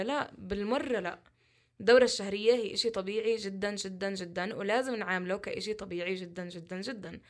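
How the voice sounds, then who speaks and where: A woman, speaking as an interview guest in a passionate, emphatic way full of rhetorical questions. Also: mid-range voice. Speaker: guest, social media content creator. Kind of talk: candid interview talk.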